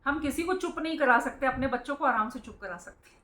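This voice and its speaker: A woman with a slightly high voice gives an informal spiritual talk, explaining her points earnestly. She calls her listeners friends and briefly acts out how strict parents hush their children. The sound is roomy and echoing. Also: quick pace.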